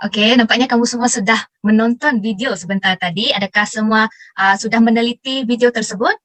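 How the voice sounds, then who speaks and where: Young woman teacher, formal and encouraging, quick delivery, dry close sound. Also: a little high, fairly even intonation, a bit bright, dry recording, faint music behind. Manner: formal, encouraging, praises students.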